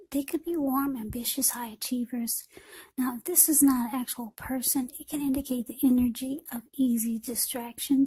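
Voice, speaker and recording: Her voice fairly high, very husky and breathy, a woman reads tarot informally, mellow and soft in tone. She addresses the viewer directly in short, fragmented phrases, often repeating words, on a low-quality recording.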